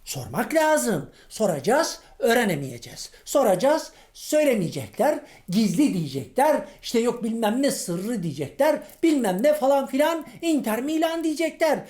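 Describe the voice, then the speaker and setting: A man's voice: very high-pitched, a little mellow. A male comedian playing a grumbling, irritable middle-aged man on the street in a comic monologue sketch, ranting in folksy slang and firing off rhetorical questions.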